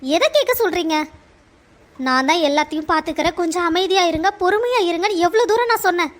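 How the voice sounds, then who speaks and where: This is an outspoken young wife in a cartoon family drama, voiced by a woman. Her voice is very high, and she talks emotionally and often stammers. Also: quick pace. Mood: indignant.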